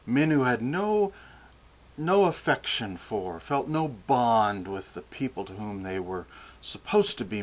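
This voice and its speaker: Older male preacher, unhurried sermon delivery, low voice, deliberate restarts.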